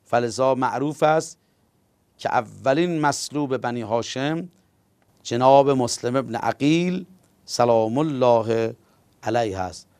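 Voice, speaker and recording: A man's voice: mid-range voice, long pauses, darkish tone, smooth, no echo. A male preacher narrating a religious story in a solemn sermon, drawing out key words.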